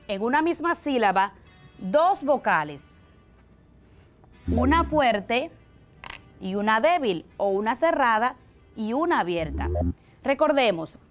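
A woman teacher with a Dominican accent, explaining a language lesson for television slowly and deliberately, step by step. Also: a little high.

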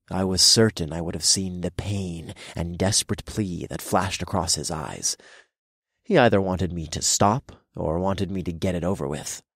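A man narrating an audiobook in the first person, with a dark, gloating storytelling manner. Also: deep voice, breathy edge, dry recording, clean studio sound.

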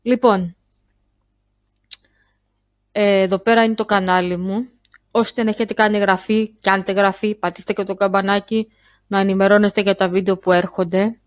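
A woman talking casually to her viewers in a vlog, chatty and halting, full of fillers and restarts. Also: medium pitch, little pitch movement, no room sound. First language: Greek. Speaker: YouTuber. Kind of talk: casual screen-share vlog.

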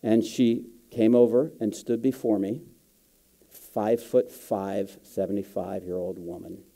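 A man's voice: fairly low pitch, fairly even intonation, unhurried, vocal fry, dark tone. A male guest pastor giving a sermon, telling personal stories in a casual, slangy way.

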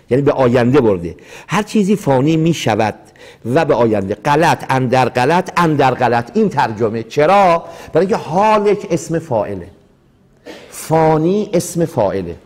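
A middle-aged man gives a lecture on mystical texts to an audience seated in front of him. His voice sits a bit high for a man, and he keeps the room engaged with rhetorical questions and short acted-out exchanges. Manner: lively teaching, rhetorical questions, acts out dialogues. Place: hall with a live audience.

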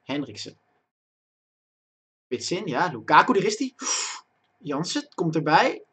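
Excitable young man narrating his match. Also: fairly high pitch, a little slow, breathy edge. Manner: talks to himself and chat, bursts into loud excited shouting at chances. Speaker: gaming streamer. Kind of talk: live gameplay commentary. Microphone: desk microphone.

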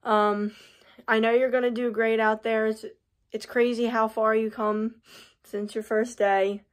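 Bubbly woman with a higher voice. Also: little pitch movement, measured pace. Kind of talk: heartfelt recorded video message.

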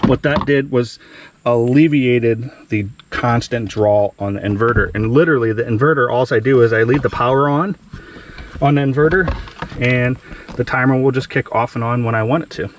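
A man's voice: mid-range voice, moderate pace, noisy background. Man explaining a DIY solar setup. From Ohio. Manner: plain conversational, thinks aloud with fillers. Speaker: DIY outdoors channel host. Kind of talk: casual how-to explanation. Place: outdoors in a wooded yard.

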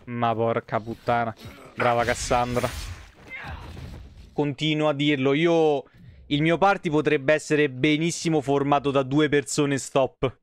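Here a man live-streams gameplay with casual commentary that is blunt, wry and full of swearing. His voice is smooth and steady at medium pitch, and he keeps a measured pace.

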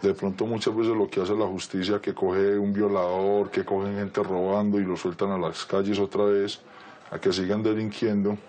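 An anonymous man with a Colombian accent answers interview questions bluntly and insistently, his voice electronically disguised to sound deep. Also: level tone, brisk, warm tone. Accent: Colombian Spanish. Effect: voice electronically disguised, pitched deep.

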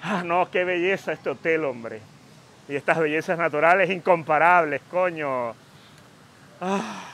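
A man's voice: a little high, a little slow, a bit bright, slight background noise. A man voicing a brash, foul-mouthed comic superhero, answering fan questions in a crude, mocking vlog outdoors by a river. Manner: crude, mocking, full of insults and slang.

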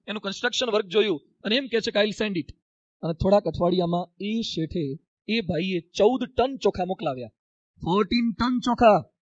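A man's voice: high voice, no echo, dull audio. A man, a monk, preaching a sermon with a Gujarati accent and acting out stories as he tells them. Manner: animated storyteller, acts out dialogue. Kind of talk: sermon with storytelling.

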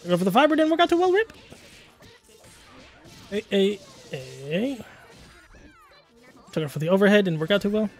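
A man in his twenties commentating a fighting game stream in a casual, laughing way, with quick excited calls of the action. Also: high-pitched, soft background music. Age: 20s.

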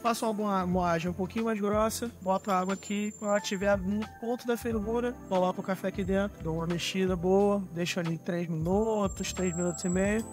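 High-voiced Brazilian man explaining camp coffee. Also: fairly quick, hardly any pauses, soft background music. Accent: Brazilian Portuguese. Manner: relaxed, explanatory, handles gear while talking. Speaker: barista explaining trail coffee gear. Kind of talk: casual outdoor demonstration. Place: forest outdoors.

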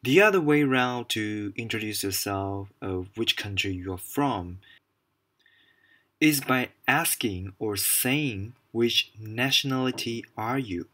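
Male teacher from Malaysia, very slow and deliberate delivery, patient repetition for beginners. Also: fairly low pitch, expressive, fairly bright tone. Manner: slow, careful, repeats each word for learners. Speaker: language teacher. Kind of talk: slow beginner language lesson.

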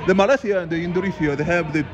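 A man filming a casual walking vlog on his phone in a busy indoor mall, speaking halting English full of restarts. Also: high-pitched, highs cut off. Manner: halting, hesitant non-native English with many restarts. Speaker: vlogger. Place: crowded indoor mall exhibition hall. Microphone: handheld phone camera. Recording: noisy crowded mall phone recording. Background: loud crowd chatter.

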